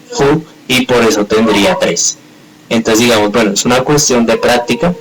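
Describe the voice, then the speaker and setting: A man's voice: mid-range voice, low-quality recording. A man teaching a live grammar class, explaining step by step in a patient way and checking often that students follow. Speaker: English teacher.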